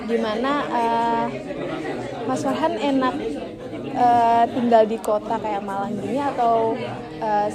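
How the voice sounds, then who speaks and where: Speaking slowly and pausing often, a young adult woman with a fairly high, steady voice works as a student counselor. She poses questions in a polite, reassuring way during a session, while a busy public hall buzzes with loud crowd chatter.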